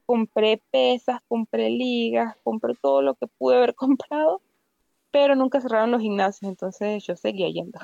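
Gravelly Venezuelan woman, chatty. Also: a little high, normal speed, dry recording, highs cut off. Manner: chatty, lively storytelling with asides. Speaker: guest. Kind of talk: casual conversation.

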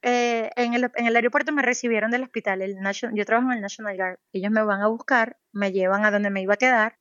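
A woman's voice: on the high side, fairly even intonation, a bit bright, no echo, highs cut off. A woman, a doctor being interviewed, talking thoughtfully with frequent fillers and restarts. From Venezuela. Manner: thoughtful, many fillers and restarts, slows to stress points. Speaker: pediatric cardiologist guest. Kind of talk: interview, recounting experiences.

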